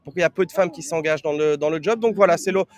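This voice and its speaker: Male podcast co-host, notably high-pitched voice, casual and rambling. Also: racing. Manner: rambling, often rephrasing. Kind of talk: casual conversational explanation.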